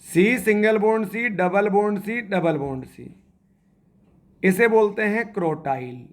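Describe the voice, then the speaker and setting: Brief: male chemistry teacher, high voice, quizzes the class, slow step-by-step. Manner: asks the class questions and repeats answers; spells out structures slowly, step by step. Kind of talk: classroom lecture.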